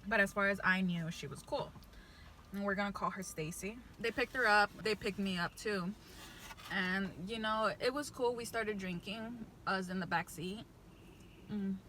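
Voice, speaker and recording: A woman's voice: mid-range voice, moderate pace, bright, forceful tone, slight background noise, low-quality recording. A young woman telling a casual, slangy story as she eats, chewing while talking. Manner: slangy, chatty. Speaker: vlogger.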